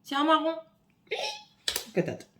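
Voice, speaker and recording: A woman's voice: high voice, wildly swooping pitch, slow, slight background noise. A woman vlogger filming a casual makeup haul at home on her phone, chatting and thinking aloud as she opens and swatches products. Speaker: beauty vlogger. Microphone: phone camera.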